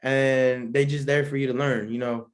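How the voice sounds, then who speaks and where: A man's voice: mid-range voice, flat delivery, normal speed. A young man hosting a solo show, chatting casually as he answers questions, rambling and slangy with lots of asides. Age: young adult. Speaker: podcast host.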